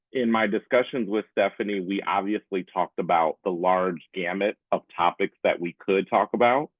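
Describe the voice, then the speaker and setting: A deep-voiced man in his forties, a public affairs specialist, presents an informal webinar from a small room in his home. He talks conversationally and often checks in with his listeners. The webcam audio is muffled and phone-like, with no room sound.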